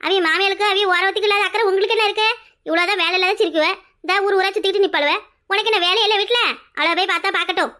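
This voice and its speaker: A woman voicing a sharp-tongued elderly village mother-in-law in a cartoon, nagging with a Kanyakumari Tamil accent. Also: extremely high pitch, racing. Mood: scolding. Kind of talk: cartoon voice acting.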